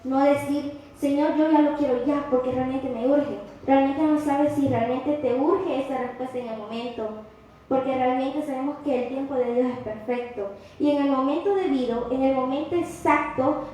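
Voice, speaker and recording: A woman with a high voice delivers an earnest, impassioned sermon. Her voice rings through a very echoey church hall. A faint hiss of noise sits under it. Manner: impassioned preaching, rising to loud cries when quoting. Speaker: preacher.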